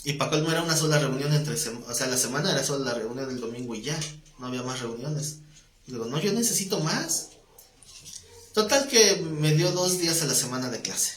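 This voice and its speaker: A man's voice: mid-range voice, a little fast. A man teaching a Bible class, telling an anecdote and acting out the dialogue. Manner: animated storyteller who acts out dialogue. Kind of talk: anecdotal live class talk. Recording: echoey room.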